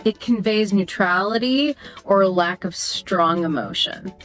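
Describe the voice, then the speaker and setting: A woman co-hosting a scripted podcast dialogue, explaining ideas in a clear, teacherly way. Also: mid-range voice, a little slow, rough recording. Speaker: podcast co-host. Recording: soft music behind the voice.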